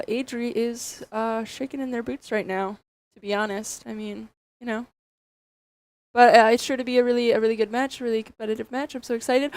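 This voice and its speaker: A woman's voice: a little high, a little mellow. A young woman co-casting a college esports match in a chatty, upbeat way with plenty of fillers. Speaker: esports co-caster. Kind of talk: casual esports commentary.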